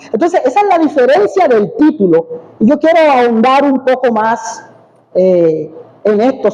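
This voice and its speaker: A man's voice: very high voice, a little mellow, in a large hall, rough recording. A male pastor giving a teaching sermon, asking the congregation questions and answering them himself.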